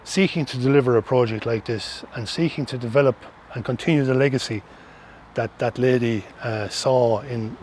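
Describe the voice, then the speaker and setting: A middle-aged Irish man speaks in a medium-pitched voice as he answers interview questions. He explains earnestly, restarting and repeating phrases as he goes. Faint ambient noise sits behind him. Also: normal speed, a little mellow. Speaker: interviewee, social housing organisation representative.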